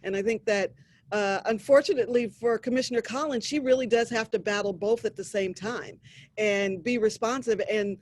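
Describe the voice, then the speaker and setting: A man with a high voice moderates a panel over a video call. He introduces speakers at length in a rambling way. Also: normal speed.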